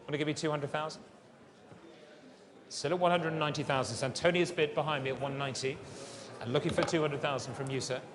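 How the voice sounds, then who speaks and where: Male fine art auctioneer, fairly high voice, polished polite patter, repeated bid calls, long hall reverb. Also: fairly bright tone. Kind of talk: live auction calling, repeating bids. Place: large auction saleroom.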